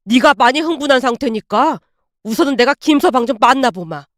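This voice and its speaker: A steady older father in a dramatized family story, as a woman narrator puts him on. He speaks quietly and soothingly. The voice stays high and close-miked, with a dry sound. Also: fairly quick, no echo.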